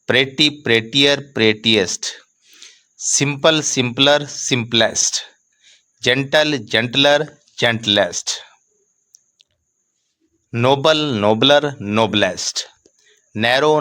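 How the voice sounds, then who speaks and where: A man teaching English grammar in a lecture, speaking slowly and deliberately and spelling out letters and reading rules word by word. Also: mid-range voice, sharp tone.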